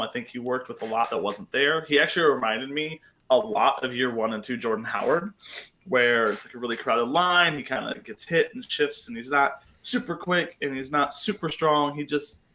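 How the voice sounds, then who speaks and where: A man co-hosting a sports podcast, talking in a chatty, excitable way with many fillers. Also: mid-range voice, moderate pace, poor audio. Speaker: podcast co-host. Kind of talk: casual sports chat.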